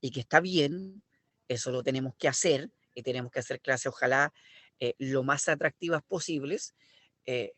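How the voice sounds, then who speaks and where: A man's voice: mid-range voice, moderate pace, fairly bright tone, dry recording. A middle-aged man with a Chilean accent giving a language lesson, explaining step by step and often checking that students follow. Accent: Chilean Spanish. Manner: explanatory, checks understanding with "¿ya?" and "¿me explico?". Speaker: language teacher. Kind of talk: online class lecture.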